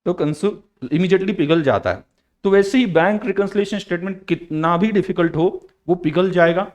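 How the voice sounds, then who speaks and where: A male accounts teacher giving a live online lecture in a fairly high voice. He keeps things playful and joking and drops English phrases into his teaching. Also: moderate pace, darkish tone.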